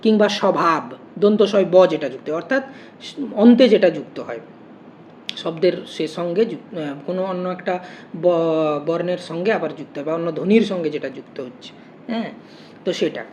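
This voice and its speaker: A woman's voice: fairly low pitch, a little fast, pauses often, a little mellow. A woman teacher explaining grammar step by step, asking questions and answering them herself. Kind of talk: online grammar lesson. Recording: muffled lo-fi recording with faint noise.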